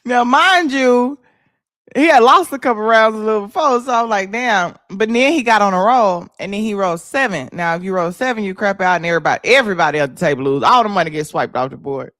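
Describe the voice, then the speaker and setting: A woman hosting a livestream, telling stories in a loud, laughing, profane way. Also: mid-range voice, fast talker, no echo, studio quality. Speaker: livestream host. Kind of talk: casual livestream chat.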